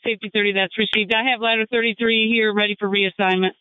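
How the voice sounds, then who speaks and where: A man's voice: high-pitched, flat delivery, fast, background noise. A man working as a firefighter safety officer, reporting over a two-way radio. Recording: tinny, narrow-band emergency radio channel.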